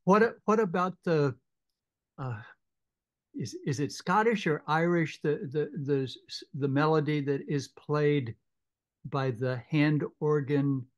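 A man joins a group discussion over a video call with a fairly high voice. He halts often, repeating small words while he works out his question. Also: slow, dull audio. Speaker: discussion participant.

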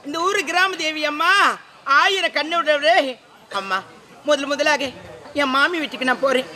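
A woman's voice: high voice, normal speed, bright, forceful tone, some chatter behind. A woman playing a tender, tearful young bride-to-be in an open-air folk stage drama, with an emotional, pleading delivery.

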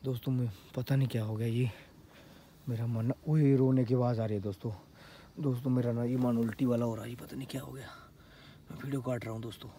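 Male paranormal vlogger, mellow voice, startled exclamations and hushed whispers, outdoor night recording on a handheld camera with faint background noise. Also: mid-range voice, little pitch movement, fast. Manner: jumpy, exclaims often, switches between loud cries and hushed whispers. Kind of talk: night ghost-hunting vlog.

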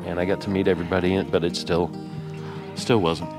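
A man vlogging from his RV, talking tearfully and haltingly with many pauses and fillers. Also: sits low, little pitch movement, loud music behind the voice. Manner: rambling, halting, with many ums and uhs. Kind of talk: casual vlog talk to camera.

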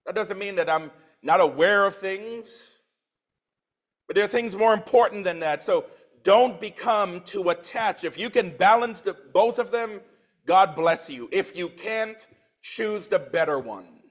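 A man's voice: high-pitched, expressive, a little slow. A man in his forties from Trinidad, preaching a sermon in church, reading scripture with swelling emphasis and dropping into plain conversational asides. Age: 40s.

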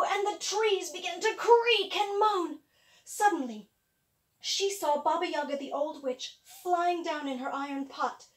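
A woman storyteller performing a folktale, moving between hushed and loud delivery. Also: sits high, echoey room.

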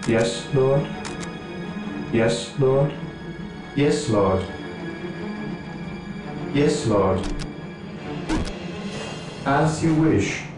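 Booming metallic robot servitor, slow and dutiful, far off in an echoey space with game music behind. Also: male voice. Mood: mechanical obedience. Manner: slow, flat, dutiful replies. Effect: metallic robotic processing. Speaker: game unit voice.

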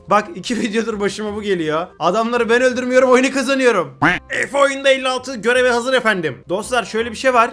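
A young man commentating his gameplay, excitable, shouting at other players and reading chat aloud. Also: high voice. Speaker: gaming YouTuber.

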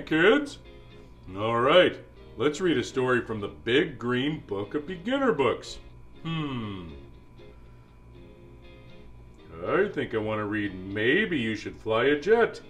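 Man playing jolly, animated old Santa Claus reading aloud. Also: medium pitch. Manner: playful, musing, addresses the listeners as kids. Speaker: storybook reader. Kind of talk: animated children's storybook read-aloud with playful asides.

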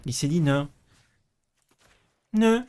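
A young man co-hosting a card game video, chatting casually and playfully with bursts of excited exclamations. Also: fairly high pitch, very slow, smooth. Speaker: co-host and card game player. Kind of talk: casual gameplay chat.

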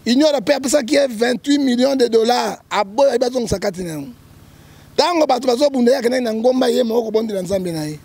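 Male prophet guest, Congolese accent, emphatic commentary; gravelly, husky tone. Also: extremely high pitch, quick pace, darkish tone, no room sound. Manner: emphatic, keeps checking with "hein?", quotes scripture. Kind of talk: political commentary in an interview.

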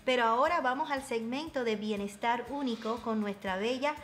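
A woman's voice: on the high side, moderate pace. Radio host woman with brief affirmations. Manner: brief affirming replies, smooth segment handoffs. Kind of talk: radio talk show.

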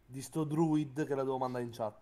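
A man talking to a streamer over voice chat, hurried and insistent. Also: mid-range voice, steady tone, dark tone. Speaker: friend on voice call. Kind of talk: casual chat.

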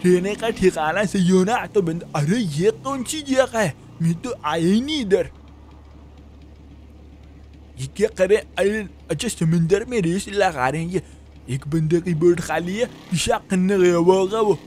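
A man playing a broke, chatty young shop helper, high-voiced. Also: normal speed, darkish tone, natural voice. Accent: Pakistani Urdu. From Pakistan. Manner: rambling self-talk, frequent chuckles and "yaar". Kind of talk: voiced GTA role-play monologue.

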